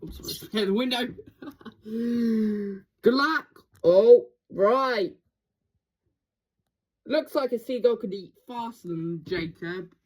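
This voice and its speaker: A woman filming birds through a window at home, giving casual, excitable commentary full of gasps and exclamations. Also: on the high side, slow, pauses often. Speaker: birdwatcher filming her garden.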